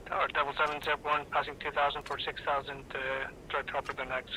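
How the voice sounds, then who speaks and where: A man's voice: on the high side, little pitch movement, fast, bright, forceful tone, a little hiss or hum, poor audio. A man making terse pilot radio calls in a flight-sim training session, speaking over a radio channel in clipped brevity codes. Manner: terse brevity-code phrasing with short fillers.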